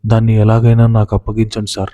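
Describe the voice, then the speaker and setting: A man's voice: on the low side, completely flat delivery, fast, dark tone, highs cut off, close to an everyday voice. A man playing a scheming, whining older father. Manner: whining, melodramatic. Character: scheming older father, fake tearful villain. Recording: long hall reverb.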